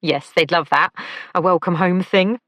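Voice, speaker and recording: A woman's voice: lowish voice, steady tone, measured pace, fairly bright tone, dry recording. A woman voicing a flamboyant, playful young male pastry chef in an audiobook. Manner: playful, camp, teasing.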